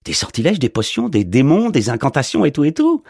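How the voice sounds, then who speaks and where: A man's voice: fairly high pitch, huge pitch swings, brisk, vocal fry, a little mellow, slightly rough, voice pushed up, full character voice. A man voicing a round, bald, sunburned mailman who teases and giggles in an audiobook. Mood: mocking. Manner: teasing, chuckling, nosy questions. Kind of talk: audiobook character voice.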